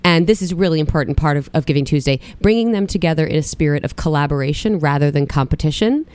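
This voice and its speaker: A woman's voice: sits low, animated, fast talker, darkish tone, smooth, no room sound. A woman guest being interviewed in a studio, her voice scratchy from a recent illness, explaining at length with frequent fillers. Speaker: podcast guest.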